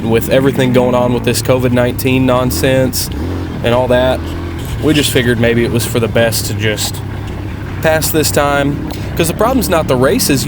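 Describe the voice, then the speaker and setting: A motovlogger and amateur dirt bike racer narrates his video casually, commenting on race footage in a mid-pitched voice. He's plain-spoken and prone to rambling. Vehicle noise is clearly audible behind him.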